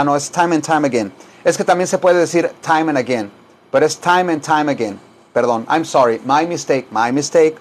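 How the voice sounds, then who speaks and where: An older man from Guanajuato with a Mexican accent, teaching English to Spanish speakers in a chatty, joking way and repeating phrases slowly. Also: fairly high pitch.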